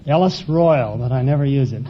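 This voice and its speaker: A man's voice: mid-range voice, fairly quick. Plain talking guy on old radio quiz, muffled and a bit noisy. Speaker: contestant, deep sea diver. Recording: dull, hissy vintage radio recording.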